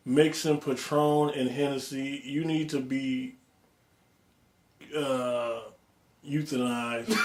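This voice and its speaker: A man co-hosting a casual podcast, telling stories loudly and laughing often. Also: on the high side, echoey room. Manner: loud, laughing storyteller. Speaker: podcast co-host. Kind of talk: casual chat.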